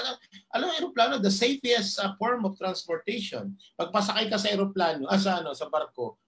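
A man's voice: high-pitched, a bit bright. A man giving a motivational seminar talk who keeps asking the audience rhetorical questions and acts out the voices in their heads. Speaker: motivational speaker.

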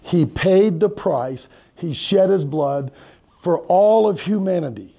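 A man's voice: high-pitched, expressive, takes it slowly, vocal fry, dark tone. A middle-aged man preaching a sermon in a church hall, talking conversationally and putting questions to his congregation. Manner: moves around and gestures while preaching. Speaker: pastor. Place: church hall with a projection screen.

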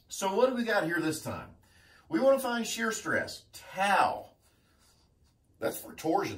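A man in his fifties gives a whiteboard lesson in a lively voice that swoops up and down and sits a little high. He jokes and teases his students as he goes. The sound is roomy and comes from a camera set well back. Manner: joking, animated, teasing students. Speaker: engineering instructor. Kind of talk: whiteboard lecture. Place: classroom at a whiteboard. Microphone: camera mic from across the room. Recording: echoey classroom, mic from far off.

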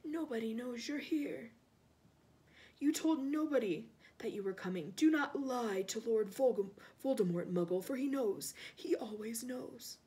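A woman voicing a cold, menacing, inhuman dark lord in a storybook, hushed and slow, with controlled, commanding delivery. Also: fairly high pitch, expressive, close to an everyday voice. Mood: quiet menace. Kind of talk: storybook read-aloud.

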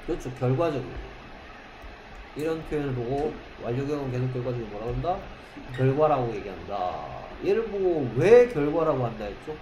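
A man teaching an English grammar lesson in a classroom, quizzing students with constant questions and reading English examples slowly, word by word. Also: medium pitch, animated. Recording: echoey classroom with faint noise.

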